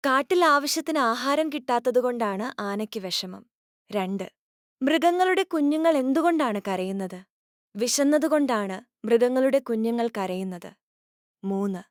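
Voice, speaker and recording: A woman with a high voice narrates a lesson for young children. She explains gently, asking each question and then answering it. The recording is a close, dry voice-over. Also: no room sound. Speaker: teacher.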